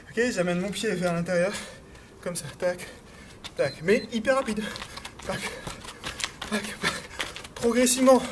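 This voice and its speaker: A man coaching a cardio workout while doing it himself. He hesitates with many fillers, counts beats aloud, urges more speed and sounds a little out of breath. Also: high-pitched. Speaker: fitness coach. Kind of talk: workout instruction while exercising. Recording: noisy recording with clicks.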